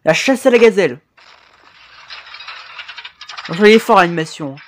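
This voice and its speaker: A man reacting to videos in casual commentary, his voice set fairly high and swinging widely in pitch. He gets excited fast, swears freely and exclaims at what he sees, with plenty of hesitant fillers and self-corrections along the way. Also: a little hiss or hum. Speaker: YouTube reaction host.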